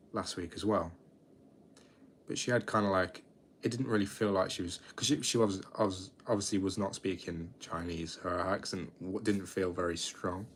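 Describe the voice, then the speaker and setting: A twenty-year-old British man with a low, deep voice talks to his livestream in a relaxed, rambling way, often restarting his sentences. Faint background noise sits under his voice. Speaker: livestream host. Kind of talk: casual late-night livestream chat.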